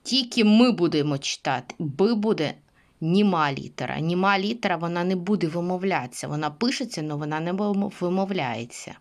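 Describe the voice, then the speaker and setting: A woman's voice: fairly low pitch, animated, fairly quick. A woman teaching English pronunciation, speaking patiently and repeating words for her students. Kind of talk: pronunciation lesson.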